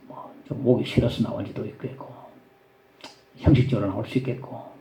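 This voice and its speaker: A male pastor with a Gyeongsang accent, preaching a sermon in church and telling stories with animated emphasis. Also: mid-range voice, brisk, echoey room. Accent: Gyeongsang Korean.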